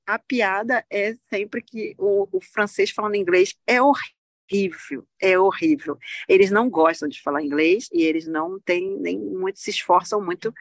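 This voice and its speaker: A young adult woman from Rio de Janeiro with a Carioca accent, a lively guest telling stories on a video call from a park and laughing often. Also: medium pitch, dry recording, clean studio sound. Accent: Carioca Brazilian Portuguese. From Rio de Janeiro, Brazil. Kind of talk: casual chat, anecdotes. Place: outdoors in a park.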